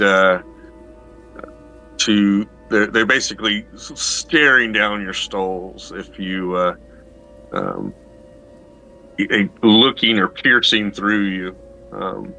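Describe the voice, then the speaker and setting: A man narrating a tabletop game as game master, improvising in a halting way as he searches for words. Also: on the low side, sharp tone, low-quality recording.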